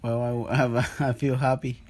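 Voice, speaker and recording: A man's voice: mid-range voice, little pitch movement, a little fast, darkish tone. A man in his forties being interviewed, giving short, hesitant answers. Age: 40s. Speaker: interviewee, father.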